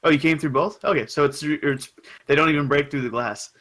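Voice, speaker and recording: A young man narrating as game master in a casual, halting way with lots of fillers. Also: on the high side, a bit bright, poor audio.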